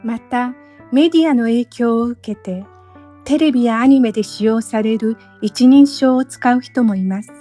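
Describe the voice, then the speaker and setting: A woman teacher giving a scripted lesson, speaking slowly and carefully with clearly spaced phrases, recorded as a voice-over. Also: a little high, warm tone, faint music behind. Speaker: Japanese teacher.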